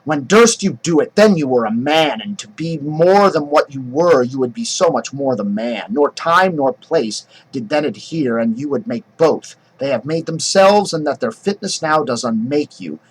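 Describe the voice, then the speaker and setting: A man reading a scheming noblewoman's speech aloud in his own husky voice, as a classroom demonstration. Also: medium pitch, animated, moderate pace, few pauses, poor audio. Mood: rushed. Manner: plain classroom reading of verse. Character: scheming noblewoman urging her husband.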